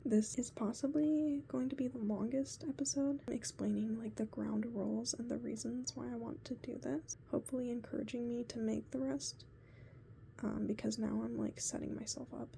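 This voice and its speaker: A woman's voice: a little high, steady tone, moderate pace, creaky, dark tone, slight background noise. A woman recording a personal video diary on her phone, talking mostly in a whisper and rambling as she reflects on her goals. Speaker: video diarist. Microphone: phone camera.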